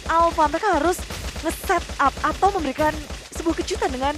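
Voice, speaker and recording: A woman's voice: extremely high pitch, quick pace, music in the background. A woman with an Indonesian accent giving live play-by-play commentary as an esports caster.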